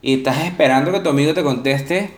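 A man's voice: medium pitch, fast. A man co-hosting a casual podcast, crude and mocking in his humor. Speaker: podcast co-host. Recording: echoey room.

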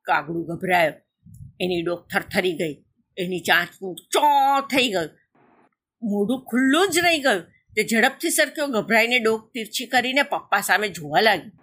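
A woman narrating a children's animal story in a lively, animated way. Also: mid-range voice, moderate pace, husky.

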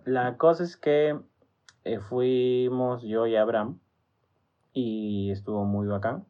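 A young Peruvian man co-hosting a podcast, telling stories in relaxed, crude slang. His voice sits at an ordinary middle pitch. The recording is dull and lo-fi. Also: slow. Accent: Peruvian Spanish. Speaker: podcast co-host. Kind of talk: casual chat.

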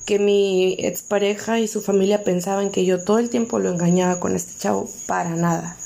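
A woman's voice: medium pitch, fairly even intonation, moderate pace, vocal fry, mellow. A young woman with a Mexican accent, candidly telling her own story as host and reporting conversations word for word. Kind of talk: personal storytelling.

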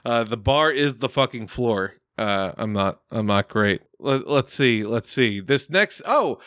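A man's voice: medium pitch, expressive, unhurried, fairly bright tone, no echo, clean studio sound. A man in casual podcast chat, sardonic and profane, often laughing mid-sentence while reacting to trailers. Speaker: podcast co-host.

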